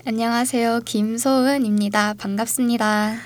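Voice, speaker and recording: Nervous young woman with a higher voice. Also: fairly even intonation, moderate pace, no echo. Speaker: radio producer as guest co-presenter. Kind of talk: polite radio conversation.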